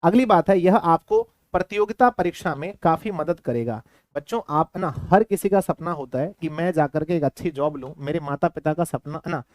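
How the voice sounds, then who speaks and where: Man, Bihari Hindi accent, teacher, repetitive, quizzing, slightly high, dry close mic. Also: a little mellow, no echo. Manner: repetitive, keeps quizzing students. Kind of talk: classroom lecture.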